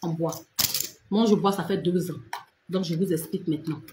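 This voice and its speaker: A woman's voice: fairly low pitch, fairly even intonation, normal speed, dark tone, echoey room, slight background noise. A woman giving casual, insistent skincare and diet advice on a live stream, repeating herself and talking straight to her viewers. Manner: repetitive, direct, addresses viewers as tu and vous.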